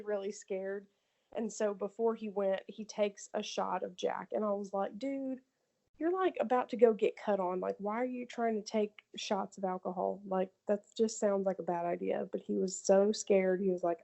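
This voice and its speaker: A woman's voice: medium pitch, creaky. A young adult woman co-hosting a podcast, telling crude stories in casual chat with lots of "like" and laughter. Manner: crude, animated storytelling with many likes. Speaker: podcast co-host.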